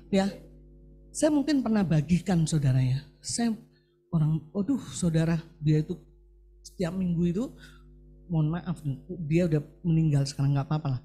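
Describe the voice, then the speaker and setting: A man's voice: a little high, moderate pace, long pauses, soft background music. A middle-aged male preacher giving a sermon, talking animatedly and often turning to the congregation with questions. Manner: animated, keeps addressing the congregation as "saudara".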